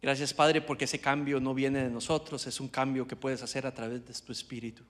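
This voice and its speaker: Speaking briskly in a mid-range, fairly bright voice with flat delivery, a man renders a sermon live into Spanish. He hesitates, fills gaps and starts over repeatedly, all within a church sanctuary.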